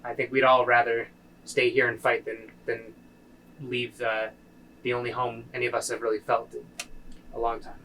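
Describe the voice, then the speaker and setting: A man voicing an earnest, soldierly middle-aged village leader who speaks softly and haltingly. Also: mid-range voice, completely flat delivery, a little hiss or hum, voice pushed down, natural voice, low-quality recording.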